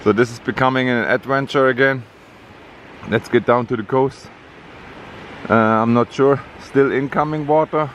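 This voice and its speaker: A man narrating a casual travel vlog outdoors on a rainy coast, in a halting way with many fillers. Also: medium pitch, steady tone, muffled recording, slight background noise. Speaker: travel vlogger.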